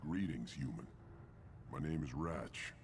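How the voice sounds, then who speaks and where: A grudging alien brute from a video game. His voice sits extremely low with a strong gravelly rasp. He is gruff and curt, barely tolerating whoever he talks to. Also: a little slow, a little hiss or hum. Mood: grudging, dry. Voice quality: gravelly, deep. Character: surly alien brute, grudging toward human customers. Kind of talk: scripted video game dialogue.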